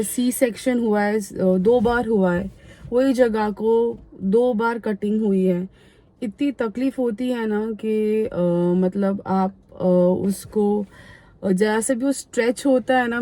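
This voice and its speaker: Brief: woman in her thirties, casual vlogger talking openly while unwell; voice on the mellow side. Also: on the high side. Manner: frank, chatty, talks openly. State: unwell, feeling poorly. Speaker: family vlogger. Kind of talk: casual vlog chat.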